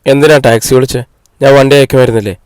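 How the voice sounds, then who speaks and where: A man's voice: mid-range voice, quick pace, darkish tone, no room sound, natural voice. A man reading the lines of a possessive older male boss who reproaches a woman over the phone. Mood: reproachful.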